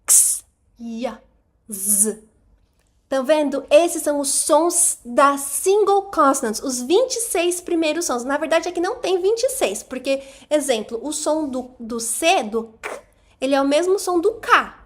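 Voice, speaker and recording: A woman with a Brazilian Portuguese accent teaching an online lesson, sounding out letters slowly and repeating them for the listener. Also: high voice, expressive. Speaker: English teacher trainer.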